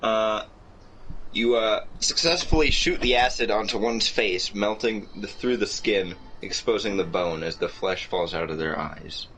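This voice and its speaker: Deep-voiced man running a tabletop game. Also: fairly bright tone, slight background noise, rough recording. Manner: halting, many uhs while narrating. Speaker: game master.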